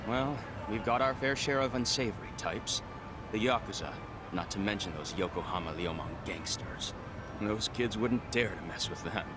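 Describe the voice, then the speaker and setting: Actor as a polite, weary, low-voiced restaurant owner. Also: male voice, normal speed, background noise, natural voice. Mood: polite, earnest. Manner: courteous, sighing, mild. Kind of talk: video game voice acting.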